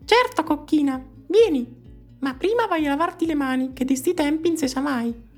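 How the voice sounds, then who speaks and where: A rasping falsetto big bad wolf. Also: male voice, expressive, moderate pace, soft background music. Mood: sly. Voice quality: rasping high put-on voice. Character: hungry gruff male wolf in a falsetto disguise.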